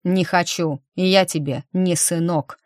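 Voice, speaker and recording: A curt, sneering young mage in an audiobook, as a woman reader puts him on. The voice sits low and dark. It is recorded close and dry with no room sound. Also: steady tone, measured pace, no echo, lightly acted. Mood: sullen. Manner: curt and scornful. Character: arrogant sullen young male mage.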